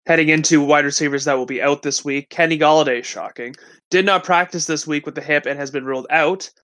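A man co-hosting a fantasy football show, reading injury news in a steady, matter-of-fact way. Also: on the high side, brisk. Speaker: fantasy football podcast co-host. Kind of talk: casual sports news rundown.

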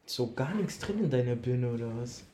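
A young man co-hosting a podcast in casual chat, joking and slangy, with hesitant pauses. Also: medium pitch, expressive, noisy background. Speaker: podcast co-host. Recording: echoey room.

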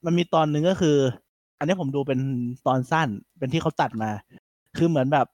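Male podcast host, slightly high voice, animated and filler-heavy, dry close sound. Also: a little fast, no room sound. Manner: chatty, animated retelling with many fillers. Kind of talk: casual podcast chat.

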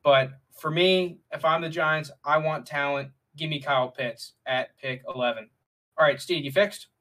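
A man co-hosting a casual sports talk show, relaxed and using many fillers. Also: a little high, moderate pace. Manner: relaxed, filler-heavy, leads the segments. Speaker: podcast co-host. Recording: voice distant from the mic.

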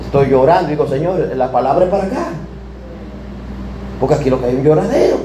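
A man preaching a sermon, telling stories with emphatic, drawn-out key words and shifting pace. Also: fairly high pitch. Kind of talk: sermon with storytelling. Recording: echoey room with air conditioning hum.

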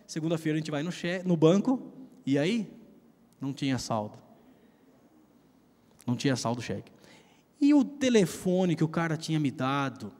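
High-voiced Brazilian preacher in a hall. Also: male voice, sing-song, moderate pace, pauses often, darkish tone. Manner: conversational, slangy storytelling. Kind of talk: sermon with personal storytelling. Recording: long reverb of a large hall.

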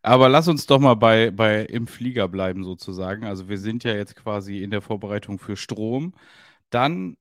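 Relaxed man with a low voice. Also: moderate pace, no echo, clean studio sound. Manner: relaxed, knowledgeable, slangy. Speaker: podcast co-host. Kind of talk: casual chat.

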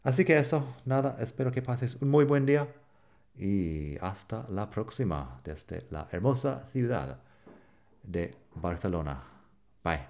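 A man teaching pronunciation in a podcast lesson, relaxed and explaining patiently with examples. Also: fairly low pitch, measured pace, creaky.

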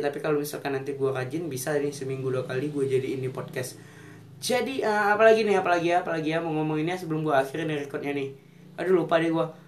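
A young man with a slurred, unrolled r, rambling casually and unscripted as a podcast host. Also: a little high. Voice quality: slurred r, cannot roll it. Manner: rambling, thinking aloud. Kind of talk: unscripted casual solo chat.

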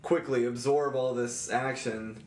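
A man's voice: mid-range voice, fairly even intonation, measured pace, darkish tone, echoey room, slight background noise. A man co-hosting a podcast, laid-back and self-deprecating, picking apart a film's editing in casual chat. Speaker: podcast co-host.

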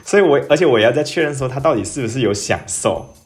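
A young man, telling a personal story in a casual, animated podcast monologue and dropping English phrases into his talk. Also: fast talker. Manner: animated, jumps up in pitch when excited, mixes in English phrases. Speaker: podcast host.

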